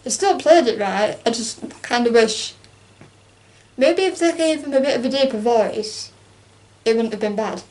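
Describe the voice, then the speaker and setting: A young woman, talking in a bright, slightly high voice. She chats about a film with lively energy and slips into quick impressions of its characters. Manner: chatty and animated, acts out quotes with laughs. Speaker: co-host. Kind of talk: casual chat reviewing a film.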